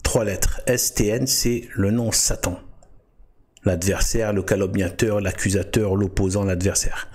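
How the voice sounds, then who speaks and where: A man with a low voice and a husky edge talks in a loose, unscripted monologue. He circles back on his words, fills gaps, and restarts half-finished sentences as he walks his viewers through a web page. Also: steady tone, a little mellow. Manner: halting, full of restarts and fillers. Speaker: video host. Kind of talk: casual explanatory monologue.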